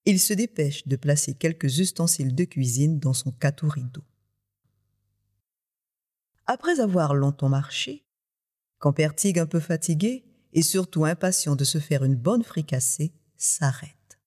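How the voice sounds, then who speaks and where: A lively storyteller reading out a folk tale with expressive delivery, at an average pitch. A long reverb trails behind each phrase.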